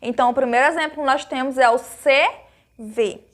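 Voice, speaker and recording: In this recorded lesson, a Brazilian woman who teaches primary school walks small children through grammar in a high, light voice. Patient and unhurried, she asks her pupils questions only to supply the answers herself, sprinkling her speech with loving diminutives. Her tone stays steady and fairly bright.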